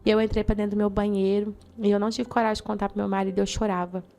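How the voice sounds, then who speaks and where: Uma jovem missionária com sotaque brasileiro dá seu testemunho pessoal com emoção, contando cenas vivas e imitando as falas das pessoas. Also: female voice, medium pitch, level tone, very fast, vocal fry, warm tone, faint music behind. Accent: Brazilian. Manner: fervent, vivid storytelling with acted-out quotes. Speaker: missionary giving testimony. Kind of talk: emotional personal testimony in an interview.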